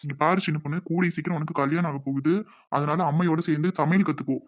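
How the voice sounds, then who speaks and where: A man's voice: fairly high pitch, fairly even intonation, fast, muffled recording, close to an everyday voice. A man voicing a stern bossy village father. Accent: Tirunelveli Tamil. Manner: bossy, lecturing.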